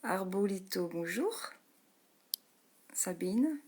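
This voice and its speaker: An energy healer and meditation host, this woman runs a live stream, greeting viewers by name slowly and gently, laughing often and slipping into soft whispers. Her voice is expressive and husky, and she describes it herself as low.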